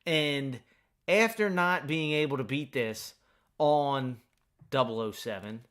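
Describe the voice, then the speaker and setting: Eating lunch mid-stream without his usual mic, a man playing a game rambles chattily, cutting himself off as he goes. His medium-pitched voice is smooth and fairly bright, and he speaks slowly.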